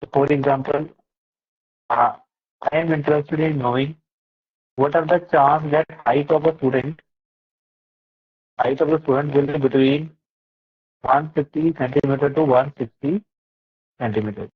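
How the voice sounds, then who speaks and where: A man's voice: on the high side, fairly even intonation, moderate pace, long pauses, husky. A man, teaching a live online class in a patient, explanatory way, with frequent fillers. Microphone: laptop or headset mic on a video call. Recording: muffled, lo-fi online call audio.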